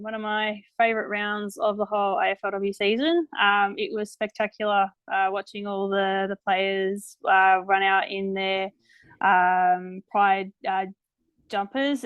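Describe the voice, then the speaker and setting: A woman's voice: mid-range voice, clean tone, no echo, lo-fi sound. A middle-aged woman in casual sports chat as a podcast co-host. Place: room at home, on a video call.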